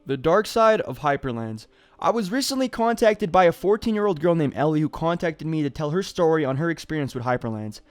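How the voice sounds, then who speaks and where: A man's voice: a little high, animated, fast talker, hardly any pauses, a little mellow. A man hosting a gaming commentary video, talking casually with lots of "you know" and "like". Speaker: gaming YouTuber.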